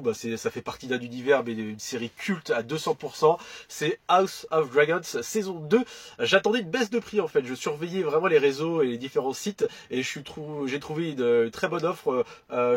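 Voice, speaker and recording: Husky, hesitant man chatting. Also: medium pitch, dry recording. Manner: hesitant, many fillers and restarts. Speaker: film collector youtuber. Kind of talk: casual chat about his disc purchases.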